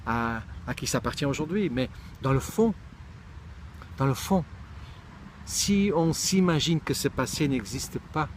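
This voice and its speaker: A man's voice: medium pitch, lively intonation, a little slow, long pauses, slight background noise. A middle-aged man from Israel giving a reflective monologue, thoughtful and searching for words, often restarting his sentences. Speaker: speaker sharing personal reflections.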